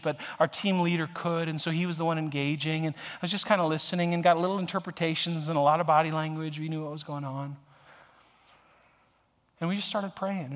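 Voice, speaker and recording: A man in his forties from the United States preaching a conversational sermon, moving from emphatic peaks to soft, hushed storytelling. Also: fairly high pitch. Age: 40s. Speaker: pastor.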